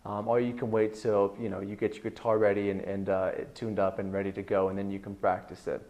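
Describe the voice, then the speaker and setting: Speaking fairly quickly over dull audio, a bass-baritone man explains a guitar lesson for an online video. His style is laid-back and rambling, packed with fillers.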